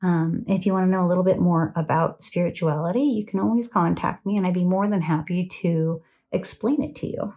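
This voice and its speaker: A woman's voice: on the low side, a little fast, hardly any pauses, dark tone. Tired, chatty woman reading tarot. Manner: chatty, rambling, many fillers and self-corrections. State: tired, late at night. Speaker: tarot reader. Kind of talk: casual spoken tarot reading.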